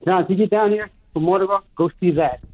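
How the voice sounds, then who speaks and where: Guy on the phone, higher voice, chatty and rambling, muffled tinny line, dry sound. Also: fast talker, no room sound. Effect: over the phone. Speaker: radio call-in caller. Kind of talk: casual chat.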